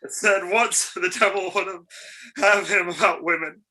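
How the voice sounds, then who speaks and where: A man's voice: sits high, fairly even intonation, moderate pace, sharp tone. A man playing a cheeky, teasing companion in a Shakespearean stage style.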